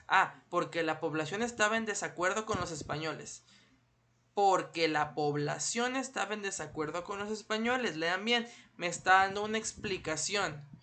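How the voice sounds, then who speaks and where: Bright-voiced teacher quizzing his class. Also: high voice. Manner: patient, asks questions and answers them himself. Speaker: primary school teacher. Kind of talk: online class lesson.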